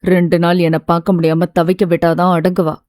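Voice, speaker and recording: A woman voicing an impulsive young man, blunt and rough-spoken, in a dry, close audiobook recording. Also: lowish voice, little pitch movement, brisk, darkish tone, no room sound, voice pushed down, close to an everyday voice. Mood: irritated.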